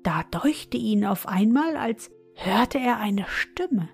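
A woman reading a fairy tale aloud in a slow, measured way. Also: a little high, animated, creaky, a little mellow, husky, faint music behind. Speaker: storyteller.

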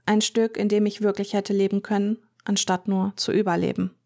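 A woman narrating a first-person story in a measured, tense way. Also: mid-range voice, little pitch movement, gravelly, darkish tone, soft background music. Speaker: audiobook narrator.

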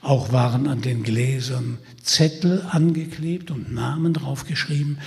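A man narrating a fairy tale in a measured, quiet way, with long reverb. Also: medium pitch, steady tone, gravelly. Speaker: audiobook reader. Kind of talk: storybook narration.

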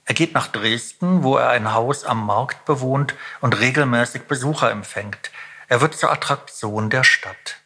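A man's voice: mid-range voice, moderate pace, pushed and bright, breathy edge. A man hosting a podcast, reading a scripted, composed and informative narration. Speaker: podcast host.

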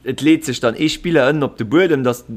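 Ein Mann mit luxemburgischem Akzent plaudert mit mittlerer Stimmlage über Fußball. Er spricht lebhaft und voller Ausrufe. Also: male voice, mid-range voice, fairly quick. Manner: expressive, exclamatory. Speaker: podcast co-host. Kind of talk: casual sports chat.

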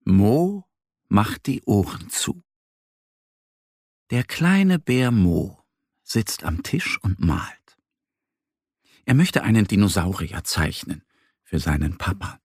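A man gently and expressively reading a children's story aloud. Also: fairly low pitch, very animated, slow pace, pauses often, breathy edge, no echo, clean studio sound. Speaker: narrator.

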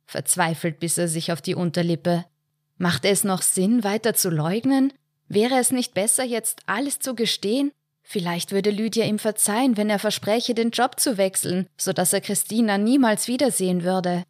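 A woman's voice: medium pitch, a little mellow, no echo, clean studio sound. Woman narrating a short story. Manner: measured, storytelling. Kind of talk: audiobook short story reading.

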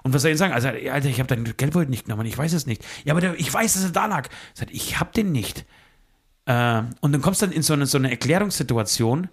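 A man's voice: mid-range voice, lively intonation, fast, breathy edge. A man in his forties on a casual podcast, rambling through a confession story, swearing and acting out both sides of phone calls. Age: 40s. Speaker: podcast co-host.

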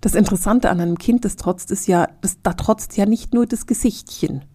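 A woman hosting a reflective podcast monologue, speaking straight to the listener and often dropping into soft, whispery phrases. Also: mid-range voice, brisk, breathy edge, dry recording, studio quality. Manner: addresses the listener directly as "du". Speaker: podcast host.

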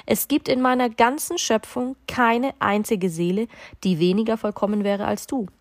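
A woman voicing a gentle, patient God in a storybook reading, speaking slowly and softly. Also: a little high, steady tone, dry recording, studio quality, lightly acted. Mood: reassuring.

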